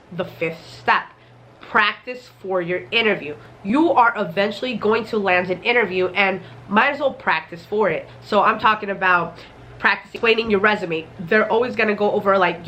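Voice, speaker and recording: A woman's voice: mid-range voice, sharp tone, a little hiss or hum. A woman with a slightly muffled, congested voice from a cold, giving casual step-by-step instructional talk to camera. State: recovering from a cold. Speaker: software engineering YouTuber.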